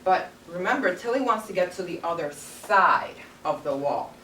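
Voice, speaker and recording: A young female primary school teacher reads a story to young children in a carpeted classroom, stopping to ask questions and echo their answers. Her voice is on the low side, very animated, at normal speed with a sharp tone. A distant camera microphone makes the recording echoey, distant, and noisy.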